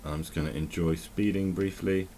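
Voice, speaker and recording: Low-voiced man rambling over gameplay. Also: fairly even intonation, normal speed, warm tone, slight background noise. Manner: rambling, self-correcting, thinking aloud while playing. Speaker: tech vlogger. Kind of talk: casual gameplay commentary.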